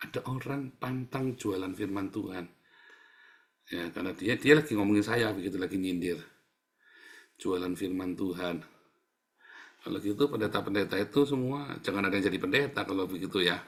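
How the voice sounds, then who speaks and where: Male pastor, on the low side. Blunt, scolding sermon delivery with loud bursts and muttered asides. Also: moderate pace, pauses often. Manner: blunt, scolding, laughs at his own jabs, swings between loud bursts and quiet asides.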